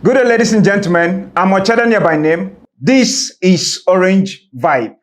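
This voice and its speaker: A man's voice: sits high, normal speed. A man with a Nigerian accent hosting a show, formally introducing people and putting questions to a guest. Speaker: show host.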